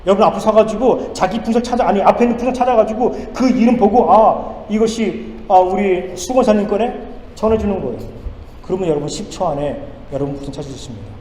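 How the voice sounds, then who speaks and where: A middle-aged man preaching a sermon as pastor, swinging between loud emphatic pleas and hushed storytelling, at a pulpit mic in a church sanctuary. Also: sits high, expressive, very fast. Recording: echoey church hall with faint noise.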